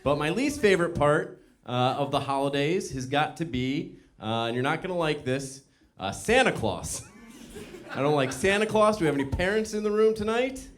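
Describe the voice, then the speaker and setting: A male stand-up comedian ranting in an exasperated, animated way. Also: fairly high pitch, moderate pace.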